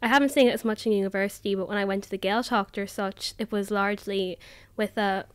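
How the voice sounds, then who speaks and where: Nineteen-year-old Irish student, casual and chatty, mid pitch, dry recording. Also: female voice, fairly even intonation, fast, clear, resonant tone, no echo. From Ireland. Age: teens. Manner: chatty, uses "like" often. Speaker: roundtable guest, student. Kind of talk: casual discussion.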